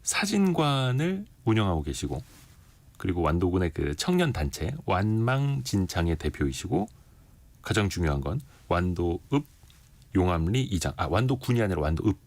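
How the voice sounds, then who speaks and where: In a radio studio, a low-voiced male host with big pitch swings reads out market figures and trades quick, conversational back-and-forth with a guest. The recording is dry.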